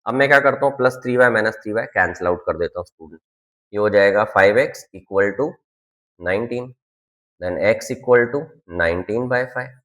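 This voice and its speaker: A man's voice: fairly low pitch, normal speed, fairly bright tone, low-quality recording. A man teaching maths at a board. He asks the class questions and answers them himself, keeps checking whether the students follow, and mixes Hindi with English terms. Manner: repeats checks like "clear students?". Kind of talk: classroom-style board lesson.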